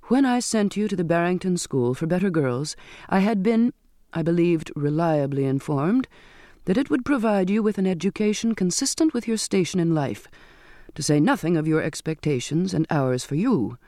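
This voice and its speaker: A man's voice: high voice, animated, moderate pace, dark tone, no echo, clean studio sound. A man voicing a strict, cold Victorian father who gives formal commands in an audiobook. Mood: stern lecturing. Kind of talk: audiobook character voice.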